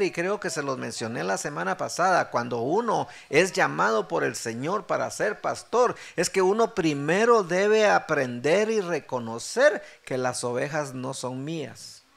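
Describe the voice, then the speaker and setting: A middle-aged man preaching a sermon as pastor, acting out the dialogue with animated delivery. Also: fairly high pitch, gravelly.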